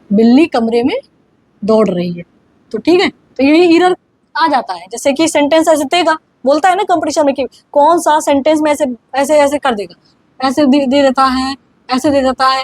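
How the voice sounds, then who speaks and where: Heard on a rough, echo-free recording, this English grammar teacher is a young woman with a high-pitched voice. Her online lesson is casual, and she often makes sure students are keeping up while dictating examples word by word.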